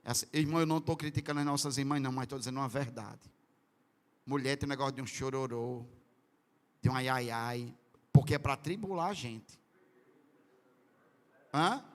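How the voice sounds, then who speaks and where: A Northeastern Brazilian man preaching a Pentecostal sermon, acting out quotes and breaking into sudden loud bursts. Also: mid-range voice, moderate pace, long pauses. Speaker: pastor. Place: large church hall. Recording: reverberant church sound system.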